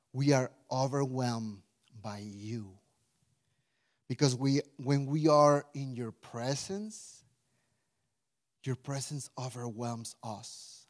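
This pastor is a Mexican man in his forties with a Mexican Spanish accent and a medium-pitched voice. He delivers a casual sermon with a prayer, chatty and animated, full of restarts and "right?" asides.

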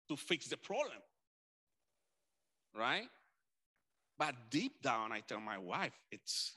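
A man from Colombia's Caribbean coast with a Colombian accent, preaching a conversational sermon with animated storytelling, restarts and asides. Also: medium pitch. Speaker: pastor.

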